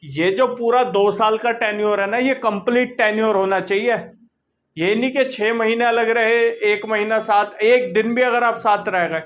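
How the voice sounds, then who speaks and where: A man teaching law in a classroom lecture, mixing in English legal terms and reading statute text slowly. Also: high-pitched, fairly even intonation, a bit bright, dull audio.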